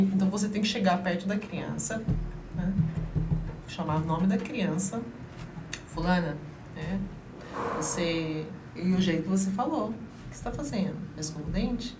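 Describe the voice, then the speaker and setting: A woman guest explaining child-rearing methods in an emphatic, lively way during an interview. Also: lowish voice. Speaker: guest, parenting advisor. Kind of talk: interview conversation. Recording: roomy, distant mic, faint noise.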